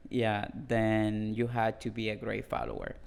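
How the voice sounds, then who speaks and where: A man co-hosting a casual podcast, speaking earnestly in a halting way with frequent restarts. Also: on the low side, flat delivery, creaky, clean tone. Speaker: podcast co-host.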